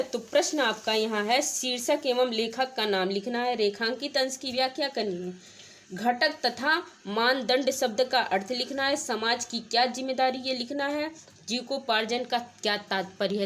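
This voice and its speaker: A woman's voice: on the high side, a bit bright. A woman teaching Hindi literature, going through a model exam paper and explaining each answer directly to her students. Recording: faint background noise.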